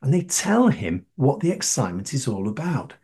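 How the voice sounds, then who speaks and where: A man's voice: medium pitch, very animated, moderate pace, dark tone, husky. A man, preaching a sermon and putting questions to his listeners with emphasis. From northern England.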